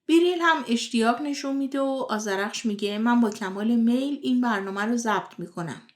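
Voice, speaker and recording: A woman retelling the episodes of a television drama in scripted narration, moving briskly from scene to scene. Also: a little high. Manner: brisk retelling of scenes in plain third person. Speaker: series recap narrator.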